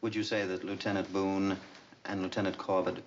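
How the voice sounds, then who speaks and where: An actor playing a methodical navy prosecutor, questioning witnesses in a measured, slightly hesitant way. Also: male voice, deep voice, level tone, a little hiss or hum, close to an everyday voice. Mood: probing. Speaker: prosecuting lawyer. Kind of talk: 1970s TV courtroom drama. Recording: dull lo-fi TV soundtrack.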